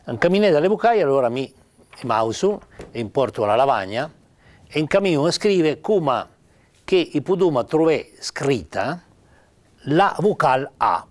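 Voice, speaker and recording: An older man with a Piedmontese accent giving an informal spoken lesson on spelling, halting with many pauses and fillers. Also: fairly high pitch, sing-song. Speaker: writer teaching Piedmontese spelling.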